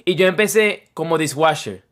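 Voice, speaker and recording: A man's voice: on the high side, lively intonation, moderate pace, a bit bright. A young man streaming, chatting casually in a rambling way, playfully boastful and mock self-pitying.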